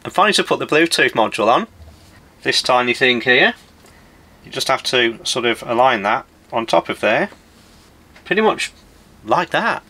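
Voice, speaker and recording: At a workbench in an indoor electronics workshop, a man in his forties presents a repair video, chatting casually through the hands-on work like a demonstrator. His mid-range voice is bright, forceful and very animated, moving at a moderate pace with frequent pauses.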